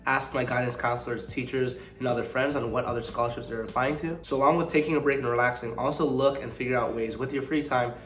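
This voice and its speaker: A young man with a sick voice giving rapid-fire, upbeat college application tips in a casual vlog. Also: medium pitch, fairly even intonation, fairly bright tone, reverberant. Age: young adult. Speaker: college admissions advice vlogger.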